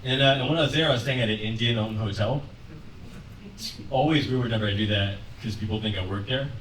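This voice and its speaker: A young man doing a conversational, deadpan stand-up set on a comedy club stage, laughing lightly at his own lines. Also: on the low side, fast, slight background noise. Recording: roomy club sound from a distance, with audience laughter. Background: audience laughing.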